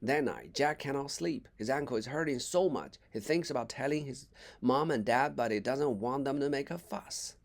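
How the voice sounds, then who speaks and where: A man reading a children's story aloud as an English teacher, expressive with small slips and asides. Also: mid-range voice, normal speed, creaky.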